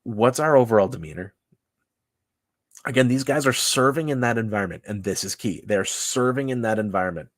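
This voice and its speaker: A man's voice: mid-range voice, a little fast, no room sound. A man leading a casual Bible study livestream, chatty and loose, often laughing and tossing in "like" and "right?". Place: church livestream.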